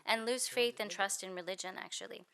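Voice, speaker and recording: Bright-voiced woman interpreting a dharma talk. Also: medium pitch, a little fast, creaky, smooth. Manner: fluent and explanatory, with frequent "you know" and "actually".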